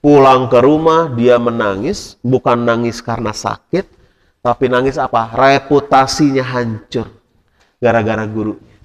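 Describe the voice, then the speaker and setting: A man preaching a storytelling sermon, animated, full of rhetorical questions to his listeners. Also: mid-range voice, measured pace. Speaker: Islamic preacher. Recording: long hall reverb.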